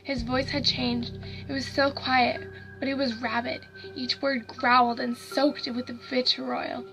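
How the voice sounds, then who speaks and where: High, gravelly woman reading horror. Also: little pitch movement, a little slow, music in the background, rough recording. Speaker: storyteller. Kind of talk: scripted horror narration.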